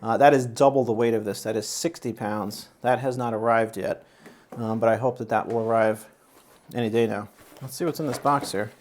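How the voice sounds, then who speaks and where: A man's voice: mid-range voice, steady tone, normal speed, a little mellow. Chatty man rambling through an unboxing. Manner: rambling, chatty, many fillers and restarts. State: out of breath. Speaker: YouTube channel host. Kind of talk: casual unboxing and product review.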